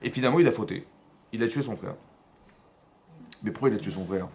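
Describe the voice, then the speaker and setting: In a synagogue classroom, a French-accented rabbi leads an energetic religious lesson in a lowish, creaky voice at a quick pace. He quizzes his listeners and performs the dialogues with plenty of animation.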